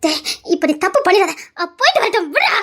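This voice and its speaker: An actress with a Tirunelveli Tamil accent playing a sharp-tongued, scolding mother in a family drama. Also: very high voice, sing-song, fast talker, full character voice. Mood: stern. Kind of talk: dramatic serial acting.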